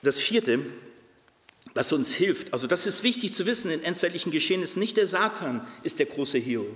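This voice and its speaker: A man preaching a fervent, emphatic sermon, leaping between loud high peaks and low hushed tones. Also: lively intonation, fairly quick. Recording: reverberant hall.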